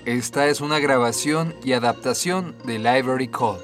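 A man's voice: mid-range voice, music in the background. Man reading a fairy tale aloud. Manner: measured and clear, with a fairy-tale storytelling cadence. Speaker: storyteller. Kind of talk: scripted storybook narration.

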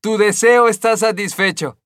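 A man voicing a kindly female fairy godmother who grants wishes in a raised, bright, solemn voice in a storybook reading. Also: high-pitched, moderate pace, no echo, clean studio sound, voice pushed up. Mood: solemn granting.

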